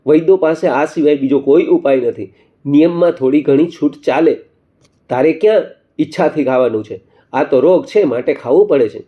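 A man's voice: on the high side, moderate pace, natural voice. Man playing an urging king in a storybook, earnest, muffled sound. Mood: pleading. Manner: earnest, persuading. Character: pleading king, anxious for his friend.

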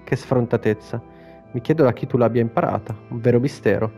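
A man's voice: mid-range voice, brisk, dark tone, lo-fi sound, soft background music, close to an everyday voice. A man reading the lines of a frail, teasing old grandmother from a video game, in his own plain voice.

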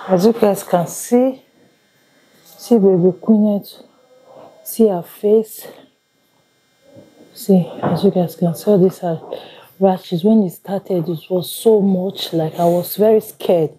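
A woman's voice: medium pitch, slow pace, pauses often, warm tone, slight background noise, rough recording. A young woman talking casually to camera at home, rambling with restarts and pidgin asides. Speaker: vlogger mother. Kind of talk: casual vlog talk to camera. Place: home, indoors.

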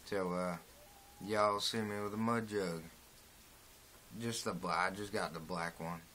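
A young man with a dip in his lower lip, casually rambling through a review from a small shed, recorded on a propped-up phone. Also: steady tone, unhurried, sharp tone, a little hiss or hum. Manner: laid-back, repetitive, plain country speech. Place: small open shed, rain outside. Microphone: phone propped on a door.

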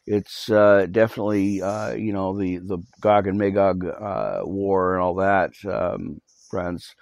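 Still getting his voice back, a pastor hosts a podcast where he reads scripture and offers a live prayer update, halting with lots of fillers and restarts and urging listeners earnestly to repent. His deep voice is creaky and darkish, captured on a cell phone in a small home studio room with no room sound.

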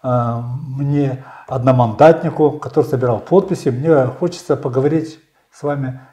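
A man in his sixties, a candidate answering interview questions in a measured storytelling way, often pausing with fillers. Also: medium pitch, dark tone, reverberant. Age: 60s. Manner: measured, storytelling, frequent hesitations. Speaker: election candidate. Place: small bright studio.

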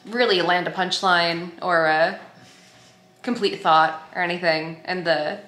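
Holding the camera at arm's length, a woman in her thirties vlogs casually from her kitchen and dining room at home, talking in a playful, gushing manner. She has a lowish, fairly bright voice with a steady tone and measured pace, and the indoor sound is roomy with light background noise.

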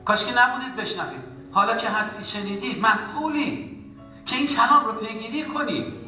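A man preaching a sermon in a church, impassioned and rising to near shouts at times. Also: sits high, reverberant, recorded from a distance, faint music behind. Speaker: pastor.

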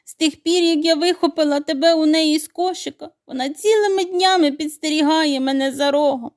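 A woman voicing a loving, anxious mother duck who cries out in a high voice. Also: fairly even intonation, fairly quick, natural voice.

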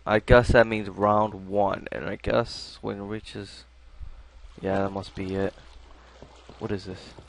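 A young man cursing and complaining through his own live gameplay commentary, swinging from mutters to yells. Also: on the low side, little pitch movement, takes it slowly, vocal fry, a little hiss or hum. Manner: cursing, frustrated, swings between muttering and yelling. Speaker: gamer.

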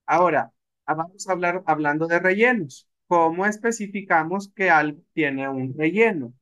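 Man, language teacher, fairly high voice, explanatory. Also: fairly bright tone. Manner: explanatory, slows down to spell out words. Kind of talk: live language lesson.

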